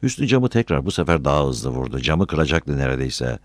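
A man narrating a novel as an audiobook, with expressive storytelling. His voice is low yet swings widely in pitch. The recording is dry and close, with no room sound. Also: brisk, dry recording.

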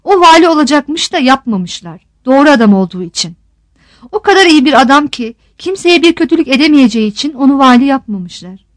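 A woman with a high voice reads a novel aloud in a steady, descriptive way. The recording is close and dry, with no room sound. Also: fairly quick, dry recording. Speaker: narrator. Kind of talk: audiobook narration of a novel.

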